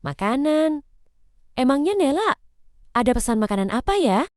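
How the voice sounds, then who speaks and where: A woman voicing a bossy, traditional older mother-in-law in an animated drama, scolding and domineering. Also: high voice, moderate pace, no room sound, studio quality. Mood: suspicious.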